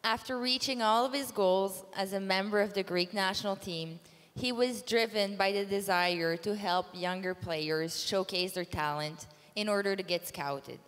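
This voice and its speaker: A woman moderating a conference panel reads a formal introduction of the next speaker. Her pitch sits in a middle range, and her voice rings with the long reverb of a large hall. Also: moderate pace, fairly bright tone. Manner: formal, reading a speaker's credentials.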